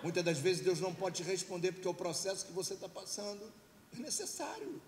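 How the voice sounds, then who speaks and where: A man's voice: sits high, sing-song, fairly quick. Man, emphatic sermon, reverberant church, faint background hiss. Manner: emphatic, leads call-and-response. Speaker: pastor.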